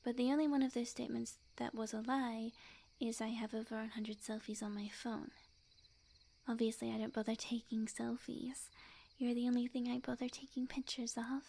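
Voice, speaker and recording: A woman plays a sweet, obsessive witch girlfriend in an ASMR roleplay, speaking softly and breathily in a coy, unhurried voice that is often a whisper. Her voice is a little high, level in tone and creaky, and she sounds doting.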